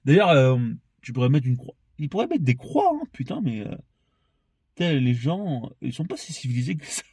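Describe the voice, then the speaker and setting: A man's voice: medium pitch, sing-song, moderate pace, darkish tone, breathy edge, no room sound, clean studio sound. A young man talking in a casual, rambling monologue that is full of swearing and laughter, and that sometimes turns into heated ranting. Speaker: vlogger.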